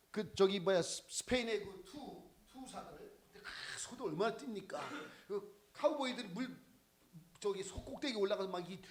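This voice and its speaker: Animated man in his sixties preaching. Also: high-pitched, husky. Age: 60s. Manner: animated storytelling, exclaiming and laughing often. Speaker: missionary preacher. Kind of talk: sermon with personal stories.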